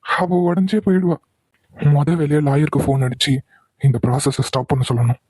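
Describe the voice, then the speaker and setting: A man voicing a young husband and father in an animated cartoon, quietly remorseful in his thoughts. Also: on the high side, moderate pace, slightly rough, no room sound, poor audio. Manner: soft, remorseful inner monologue.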